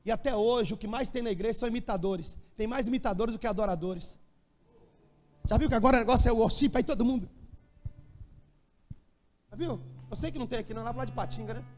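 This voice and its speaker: A man's voice: sits high, fast, soft background music. A Brazilian man preaching a sermon in a church. He preaches with energy and tells humorous stories. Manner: animated preaching, humorous storytelling. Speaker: pastor. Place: church hall. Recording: long church-hall reverb.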